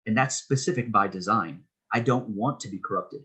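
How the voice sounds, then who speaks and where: A man in his thirties speaks as an interview guest, with a forceful, somewhat husky voice. He lays out his points earnestly and at length, often restarting mid-sentence. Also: fairly low pitch, moderate pace, poor audio. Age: 30s. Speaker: political candidate, interview guest. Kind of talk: casual interview talk.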